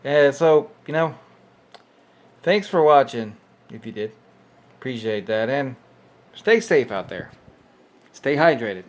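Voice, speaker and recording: A man in a middle pitch, hosting his vlog in a loose, rambling commentary. He talks offhandedly and fills his pauses with small asides and fillers. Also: expressive. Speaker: host. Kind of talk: casual commentary.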